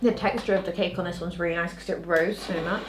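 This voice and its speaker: A woman hosting a casual baking vlog, chatting and explaining things quickly. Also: fairly low pitch, steady tone, reverberant, loud music behind the voice, low-quality recording. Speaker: host. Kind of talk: casual chat. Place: home kitchen.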